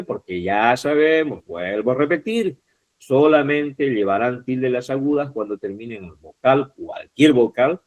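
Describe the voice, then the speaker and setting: Husky male teacher, lively patient explaining. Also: medium pitch. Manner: explains step by step, repeats words slowly, ends phrases with "¿ya?" and "¿no?"; mixes vosotros and usted forms. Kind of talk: online class lecture.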